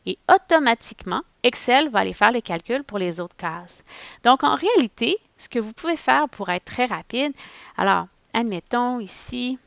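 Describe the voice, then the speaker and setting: Patient Québécoise teacher, gravelly edge. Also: female voice, fairly high pitch, lively intonation, normal speed, fairly bright tone, dry recording. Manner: patient step-by-step explaining, thinking aloud. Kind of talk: screen-recorded software tutorial.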